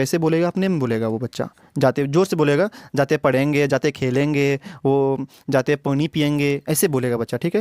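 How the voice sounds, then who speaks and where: A man's voice: a little high, darkish tone, dry recording, studio quality. A man teaching an exam prep lesson online. He explains step by step, repeats key terms and often stops to check with the class. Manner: repetitive, explanatory, often checks with "theek hai".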